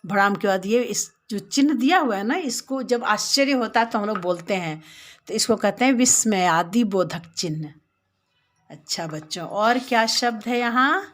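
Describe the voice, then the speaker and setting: A woman's voice: medium pitch, expressive, moderate pace, fairly bright tone. A woman with an Indian accent teaching a lesson to young children, patiently explaining step by step and repeating words. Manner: addresses the children directly.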